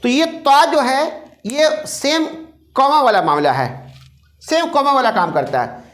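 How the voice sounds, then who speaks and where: A man's voice: extremely high pitch, expressive, slow, fairly bright tone. Give me a man teaching a recitation class in a roomy space. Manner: repeats each point and quizzes the class. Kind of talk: classroom lecture. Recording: roomy echo.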